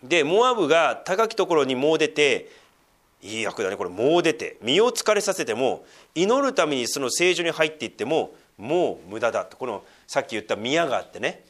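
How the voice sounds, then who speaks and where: A man preaching a sermon as pastor, talking conversationally with questions to his listeners and swinging from emphatic lines to hushed, near-whispered asides. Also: medium pitch, very animated, a little fast.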